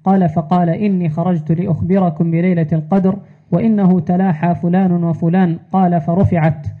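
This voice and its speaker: A man with a high voice reads classical religious text in a measured, formal way, holding his pitch flat and even. The sound is tinny and phone-like. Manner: measured formal reading, repeats narration formula. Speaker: student reader. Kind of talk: reading classical hadith text aloud.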